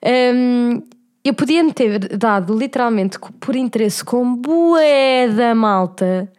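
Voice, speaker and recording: A woman's voice: on the high side, expressive, slow pace, darkish tone, smooth. A young Portuguese woman co-hosting a podcast, telling stories in slangy casual chat and acting out quotes. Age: young adult. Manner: storytelling, slangy, laughs easily, acts out quotes. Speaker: podcast co-host.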